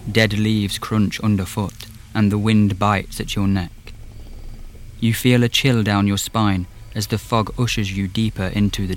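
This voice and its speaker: A man playing an ominous campfire storyteller, narrating a horror podcast in a hushed, suspenseful, deliberate way. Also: fairly low pitch. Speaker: storyteller host. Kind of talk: scripted horror podcast introduction.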